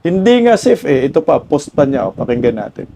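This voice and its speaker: Gravelly, dark-toned male commentator. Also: a little high, very animated, fairly quick, slight background noise. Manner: casual, conversational reacting. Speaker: host. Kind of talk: news commentary.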